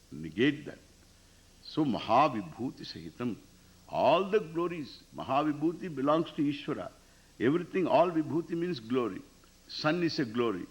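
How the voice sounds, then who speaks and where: Indian-accented man teaching, animated swooping pitch. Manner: emphatic, repeats phrases and poses questions to listeners. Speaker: spiritual teacher. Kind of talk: Vedanta scripture discourse with Sanskrit recitation.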